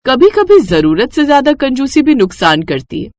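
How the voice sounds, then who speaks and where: A woman narrating a moral story in a measured storytelling manner. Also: high voice, big pitch swings, darkish tone, dry recording, clean studio sound. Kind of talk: scripted narration.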